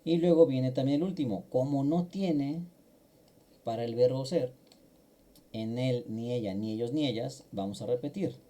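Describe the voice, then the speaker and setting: In an online grammar lesson, a middle-aged language teacher from Mexico explains each step with patience, using little fillers as he goes. His voice is medium in pitch and dark in tone, and he talks at a normal speed.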